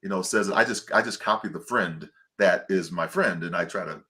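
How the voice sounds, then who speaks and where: A man's voice: low voice, normal speed, pushed and bright. A man hosting a podcast who chats in a casual, enthusiastic way and uses frequent fillers. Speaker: podcast host. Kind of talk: casual chat.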